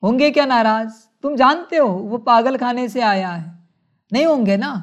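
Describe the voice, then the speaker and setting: A woman giving a spiritual sermon, speaking in a measured way, calling her listeners children and asking rhetorical questions. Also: on the high side, muffled recording. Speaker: spiritual teacher.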